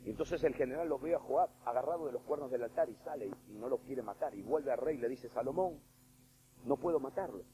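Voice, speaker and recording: A male preacher delivers a sermon in a mellow, relaxed-toned voice of middling pitch. He is emphatic, dropping to a hush and then rising to loud, pressing points with direct questions to the congregation. A faint hiss sits under the recording. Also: quick pace, hardly any pauses, poor audio. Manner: swings between hushed and loud.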